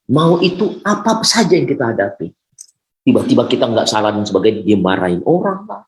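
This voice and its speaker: A man's voice: medium pitch, sing-song, a little fast. A male pastor preaching a sermon, repeating key phrases and calling out to listeners to say amen. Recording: roomy echo.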